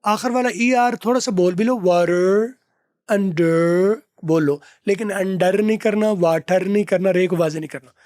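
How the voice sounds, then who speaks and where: A man teaching English from film dialogue, repeating phrases slowly to drill pronunciation. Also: sits high, darkish tone, no room sound, clean studio sound. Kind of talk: lesson explaining film dialogue.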